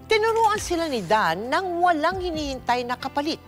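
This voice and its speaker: A woman's voice: sits high, sing-song, moderate pace, soft background music. A woman reading scripted narration for a dramatized life story.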